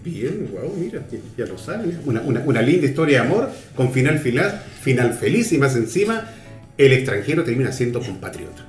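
A man hosts a radio talk show, his questions long and wandering. His pitch swings widely as he talks. The room rings with echo. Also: a little fast, soft background music. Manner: expressive, rambling questions. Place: radio studio.

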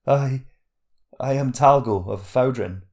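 A man voicing a frightened young boy who answers quickly in a shaky voice. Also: medium pitch, warm tone, pitched above the performer's own voice, lightly acted.

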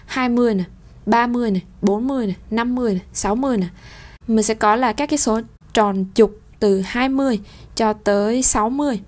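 A woman teaching a French lesson, explaining in a patient way and repeating each number slowly and clearly. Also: fairly high pitch, darkish tone. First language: Vietnamese. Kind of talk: language lesson.

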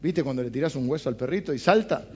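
Chatty Argentine preacher, lo-fi. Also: male voice, mid-range voice, fast, breathy edge. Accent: Argentine Spanish. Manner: casual, chatty, asks listeners questions. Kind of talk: conversational sermon on a Bible passage.

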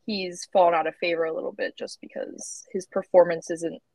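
A woman's voice: fairly low pitch, flat delivery, brisk, vocal fry, warm tone, no room sound. A woman guest on a podcast, chatting casually and hedging her points with fillers. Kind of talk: casual chat.

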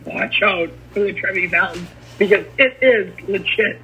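A man's voice: high voice, normal speed, pushed and bright, husky. A man co-hosting a podcast in casual chat, joking and hiccuping. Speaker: podcast co-host. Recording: dull lo-fi sound.

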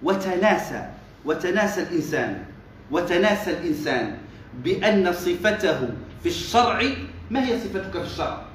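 A man's voice: high-pitched, lively intonation, normal speed, slight background noise. A male religious teacher giving commentary on a classical text, explaining step by step, quizzing his students, and slipping dialect asides into formal speech. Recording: very echoey room.

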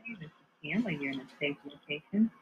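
A man's voice: on the high side, animated, fairly quick, noisy background. A man from Texas working as a call agent, speaking in a hesitant, helpful way over the phone. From Texas, United States. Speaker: roadside assistance call agent. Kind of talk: phone customer service talk. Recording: muffled narrow phone line.

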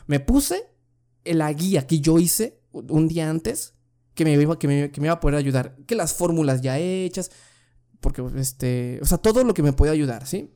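A man's voice: fairly high pitch, animated, normal speed, dark tone. Slangy young Mexican man telling stories. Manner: slangy, says "güey" constantly, many restarts. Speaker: vlogger giving school advice. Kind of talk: casual storytelling. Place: room at home, family downstairs.

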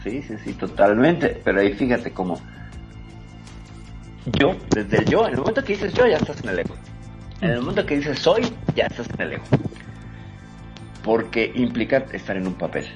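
A man's voice: medium pitch, big pitch swings, moderate pace, long pauses. A man explaining ideas at length in a reflective, emphatic way, full of rhetorical questions. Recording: muffled audio with music underneath.

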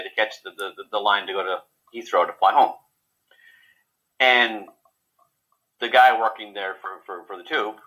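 A man in a casual interview, talking haltingly with many repeated words and fillers. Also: fairly low pitch, sharp tone, rough recording. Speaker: guest.

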